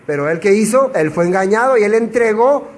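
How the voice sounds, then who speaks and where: A man's voice: high-pitched, expressive, brisk. A man teaching a Bible passage verse by verse, who asks rhetorical questions and answers them himself. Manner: acts out quoted dialogue in changed voices.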